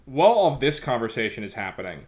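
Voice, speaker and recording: A man's voice: mid-range voice, fast talker. A man running a tabletop role-playing game, talking casually with lots of ums and uhs. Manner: relaxed, hesitant, lots of fillers. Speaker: game master.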